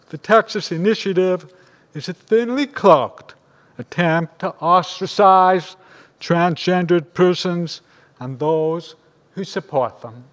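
An older man, a rabbi, giving a measured, grave sermon at a lectern microphone in a large synagogue sanctuary. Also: fairly high pitch. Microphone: lectern microphone on a stand. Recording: long reverb of a large hall.

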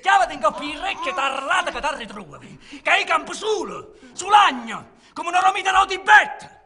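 A stage actor with a Neapolitan accent playing a volatile, scornful man in a live theatre performance, swinging between loud taunting shouts and hushed menace. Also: very high-pitched, lively intonation, normal speed, heavily acted. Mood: ranting.

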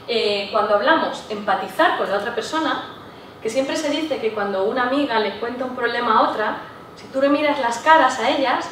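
A woman's voice: on the high side, a bit bright, a little hiss or hum. Echoey, distant woman lecturing. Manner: checks in with listeners with frequent "¿sí?". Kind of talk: public talk to a live audience. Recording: echoey room, voice from far off.

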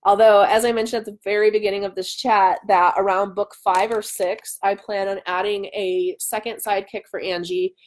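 A woman in her thirties, an author, runs a casual live Q&A from her home dining room in a medium-pitched, level voice at a moderate pace with hardly any pauses. She chats and drifts into self-interrupting tangents, and the low-quality recording comes from a webcam at arm's length.

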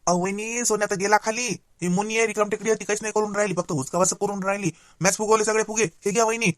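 A woman voicing a hurried young man who complains quickly, with a Varhadi Marathi accent, in a cartoon. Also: medium pitch, fairly even intonation, no room sound, voice pushed down, lightly acted. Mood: complaining.

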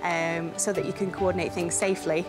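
With music in the background, a young woman with an English accent talks fairly quickly in a lowish, level-toned voice. She's a railway events organiser setting up an event on an outdoor station platform, chatting casually on location in an upbeat way and laughing easily.

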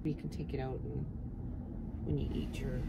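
A woman's voice: a bass voice, flat delivery, normal speed, gravelly. A middle-aged woman chatting casually in a soothing, motherly way. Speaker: mother looking after her daughter. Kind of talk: casual chat. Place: in and beside a car. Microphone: camera on the dashboard. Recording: loud car and street noise.

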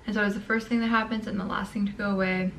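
Eating ice cream as she chats, a young woman vlogger talks casually to the camera in her small bedroom. Her mid-range, fairly bright voice is creaky and crackly, racing along in a flat delivery.

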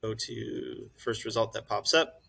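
A young man who runs a hot tub shop walks through a screen-share tutorial, recording indoors at his computer. Relaxed and friendly, he fills his speech with lots of "uh," his lowish, gravelly, slightly rough voice moving a little slowly.

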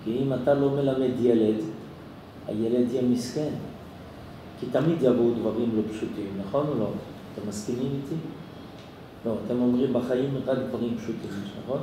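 A rabbi telling a story during a lesson, animated and asking his listeners questions. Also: mid-range voice. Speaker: rabbi teaching a kollel class. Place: synagogue. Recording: echoey synagogue hall, distant mic, noise.

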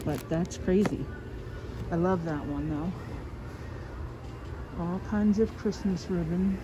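Filming with her phone while walking around a big store, a shopper chats casually and apologetically through a face mask that muffles her lowish, slow voice. The phone recording picks up lots of store noise.

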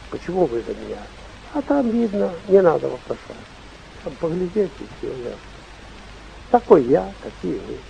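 An older man, in his sixties or beyond, preaching an informal, emphatic sermon with repeated phrases and a raspy voice, speaking at a stand microphone. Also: fairly high pitch, darkish tone, dull audio. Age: 60s or older. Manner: emphatic, repetitive, acting out short anecdotes and dialogue. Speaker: bishop preaching. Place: stage of a hall, indoors.

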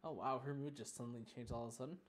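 A woman's voice: a bass voice, rapid-fire, crowd noise. A woman chatting casually as a co-host of a game playthrough. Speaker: let's play co-host. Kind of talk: casual chat.

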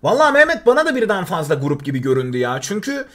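A young man with a fairly high voice gives live commentary while he plays, rambling to his viewers and teammates. He jokes around and bursts out loudly when something surprises him. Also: fast talker. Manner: chatty, joking, excitable outbursts. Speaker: gaming streamer.

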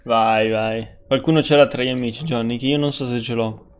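A man's voice: medium pitch, fairly even intonation, fairly quick. A man streaming a game, chatting casually, laughing often and swearing when surprised. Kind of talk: casual gaming stream chat.

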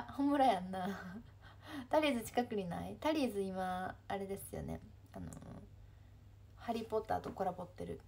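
A woman's voice: mid-range voice, a little mellow, slightly rough. A young woman in her twenties with a Kansai accent, chatting casually on her livestream, reading viewer comments and answering them with frequent laughs. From Kansai, Japan. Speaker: livestream host.

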